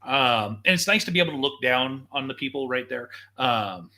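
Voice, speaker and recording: A man's voice: mid-range voice, lively intonation, moderate pace, bright, forceful tone. A man hosting a casual live show, enthusiastically walking viewers through video footage like a tour guide. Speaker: show host.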